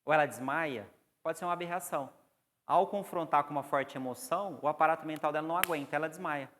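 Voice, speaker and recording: A man's voice: on the high side, fast, a bit bright. A man with a Brazilian Portuguese accent giving a classroom lecture on psychoanalysis, explaining and putting questions to the class. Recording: long hall reverb.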